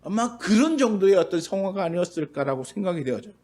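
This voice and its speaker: High-voiced man preaching a sermon. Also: sing-song, fast talker, a little mellow. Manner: conversational preaching, briefly acts out quoted voices. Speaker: pastor. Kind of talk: Sunday sermon. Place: church sanctuary.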